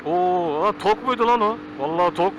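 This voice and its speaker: A man's voice: high voice, normal speed. A man from Turkey giving casual, slangy motovlog commentary from inside a helmet as he rides a motorcycle. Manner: colloquial, slangy, chatty. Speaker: motorcycle vlogger. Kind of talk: casual riding commentary to viewers. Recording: noisy helmet mic while riding outdoors.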